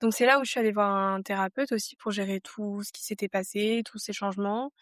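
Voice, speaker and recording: Speaking briskly in a steady, medium-pitched voice, a woman in her twenties from France appears as a podcast guest. She reflects casually, often restarting and filling pauses, and the studio sound is clean with no room noise.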